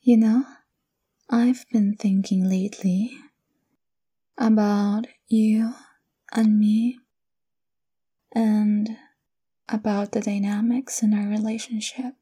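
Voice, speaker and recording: A young woman whispering softly and close in an intimate, coaxing ASMR roleplay. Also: mid-range voice, little pitch movement, slow, long pauses, husky. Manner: intimate, coaxing girlfriend address.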